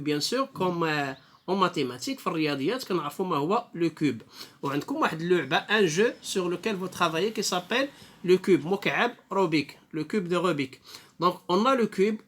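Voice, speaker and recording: A man's voice: high-pitched, bright, forceful tone. Patient Moroccan man teaching reading. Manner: slow, patient explanations with many repetitions; drawn-out sounds when spelling. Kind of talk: online reading lesson.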